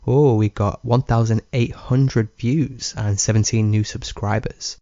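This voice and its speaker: A let's play gamer with a low, dark, mellow voice gives casual gameplay commentary, relaxed and rambling, chuckling along at an unhurried pace. The recording is dry and a bit dull, like a lo-fi home mic.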